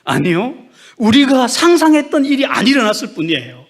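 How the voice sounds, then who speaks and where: Male missionary preacher, high animated pitch, emphatic testimony-sermon delivery. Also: brisk. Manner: emphatic, rhetorical questions to the congregation.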